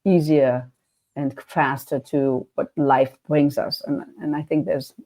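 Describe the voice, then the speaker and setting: German-accented woman host with a gravelly voice. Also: sits low, steady tone, takes it slowly, warm tone. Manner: chatty, restarts sentences often. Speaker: podcast host and coach. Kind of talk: casual interview chat.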